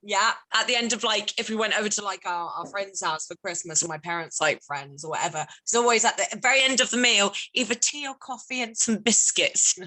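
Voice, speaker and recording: A woman's voice: medium pitch, a little fast, few pauses, pushed and bright, poor audio. A woman co-hosting a casual chat, talking loosely with lots of fillers and laughs. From Britain. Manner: chatty, laughing, many fillers like "like" and "you know". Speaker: co-host.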